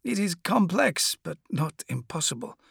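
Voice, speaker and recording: A man's voice: high-pitched, very animated, a little slow, vocal fry, fairly bright tone, slightly rough, no room sound, clean studio sound, voice pushed up, heavily acted. A man voicing a sly, fawning male apothecary who makes squirming excuses. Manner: oily, excusing, obsequious.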